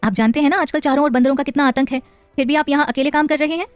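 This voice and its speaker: A woman's voice: high-pitched, steady tone, very fast, no room sound, faint music behind, voice pushed up, natural voice. A woman voicing a firm but loving young wife and mother in an audio story, with a teasing, affectionate scolding manner. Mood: tender.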